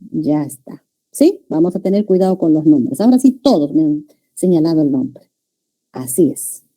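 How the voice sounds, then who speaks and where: A middle-aged woman teaches with a Peruvian Spanish accent and keeps turning to her students. Her pitch rises and falls in a lively, emphatic way. Her tone is dark and mellow throughout. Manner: animated, emphatic, addresses students often. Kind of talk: classroom lecture.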